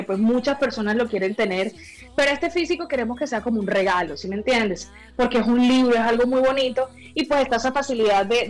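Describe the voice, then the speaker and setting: A woman with a coastal Colombian accent from Barranquilla, chatting effusively and colloquially as a singer being interviewed. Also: fairly high pitch. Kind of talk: casual interview chat.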